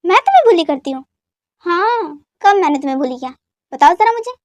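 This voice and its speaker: A woman's voice: very high voice, fast talker, dry recording. A woman voicing a feisty young woman in a fan dub drama who argues indignantly. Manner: indignant, argumentative.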